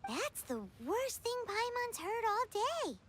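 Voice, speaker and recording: A woman voicing a small childlike fairy companion in an anime video game, bossy, excitable and exclamatory. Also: very high-pitched, measured pace, slight background noise, heavily acted. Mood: disgusted. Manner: exclamatory, refers to self in third person. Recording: music behind the voice.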